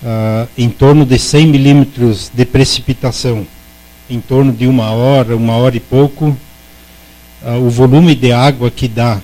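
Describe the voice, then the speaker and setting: A man's voice: medium pitch, fairly even intonation, normal speed, warm tone, rough recording. A man with a Brazilian accent, a city councillor giving a formal speech in a council session, repeating words as he searches for them. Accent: Brazilian Portuguese. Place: municipal council chamber.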